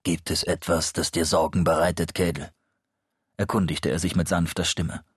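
A calm, probing male psychologist. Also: low-pitched, moderate pace, no room sound, studio quality. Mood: soothing. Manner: smooth, even, quietly insistent. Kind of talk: audiobook character reading.

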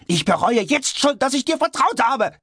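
A man voicing a volatile, spiteful young English nobleman in an audiobook, swinging from mocking calm to shrill screaming. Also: normal speed, slight background noise, lightly acted. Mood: hysterical, shrieking. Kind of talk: audiobook character voice. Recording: dry studio recording.

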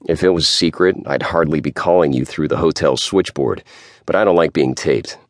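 A man's voice: very deep voice, moderate pace, no echo, clean studio sound. A man doing a cold, clipped young tycoon. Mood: cold commanding. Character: cool, curt young rich businessman.

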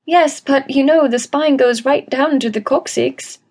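A woman's voice: high-pitched, measured pace, darkish tone, voice pushed up. A woman voicing a wealthy female guest who speaks in a slightly shaky, persuasive way. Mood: coaxing.

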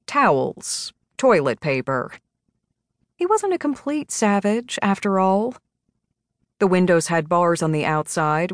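Low-voiced woman reading an audiobook. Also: no room sound, clean studio sound. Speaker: audiobook narrator. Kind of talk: scripted audiobook narration.

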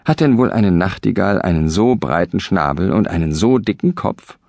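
A man playing a sharp, scolding wife. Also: deep voice, animated, normal speed, creaky, dry recording. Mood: scoffing. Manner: dismissive, sharp. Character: practical, scolding middle-aged wife. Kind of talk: storybook reading.

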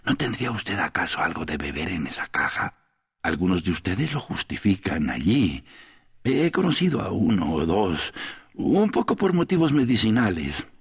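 A man's voice: on the low side, huge pitch swings, moderate pace, a little mellow, breathy edge, pitched above the performer's own voice, exaggerated voice. A man voicing a weary, lonely middle-aged foreigner in an audiobook, talking in a rambling, sighing, pleading way. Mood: wistful pleading. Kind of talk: audiobook character voice.

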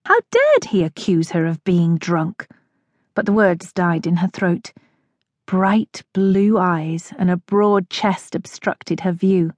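A woman narrating an audiobook in a measured, expressive way. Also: on the low side, no room sound. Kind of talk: scripted narration.

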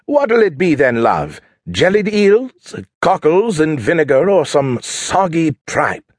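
A man's voice: on the high side, big pitch swings, takes it slowly, no echo, clean studio sound, voice pushed up, full character voice. A man voicing a joking husband who puts on an exaggerated bad British accent. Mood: hammy cockney. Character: joking American husband faking cockney.

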